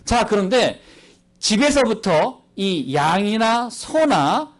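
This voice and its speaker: A man's voice: high voice, slow. Guy preaching at church into a handheld mic, keeps quizzing the crowd, voice jumps all over. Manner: animated, playful, keeps quizzing the congregation. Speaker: missionary preacher. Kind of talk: sermon. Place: church service.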